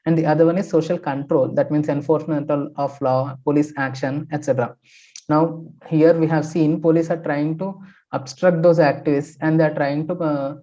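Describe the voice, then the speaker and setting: A man's voice: a little high, mellow. Man lecturing on sociology, dull recording. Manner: methodical, many fillers and restarts. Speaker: sociology teacher. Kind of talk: explaining newspaper articles in a lecture. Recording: dull lo-fi sound.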